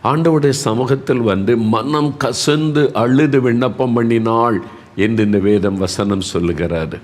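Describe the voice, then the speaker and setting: Emotive male preacher repeating words. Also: medium pitch. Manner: moves between soft, slow lines and raised, pressing ones. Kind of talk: devotional sermon.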